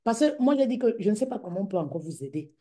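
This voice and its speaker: Mellow-voiced woman business coach. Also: medium pitch, quick pace. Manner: lively and repetitive, calls listeners "queens" and "mama". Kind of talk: casual livestream talk to followers.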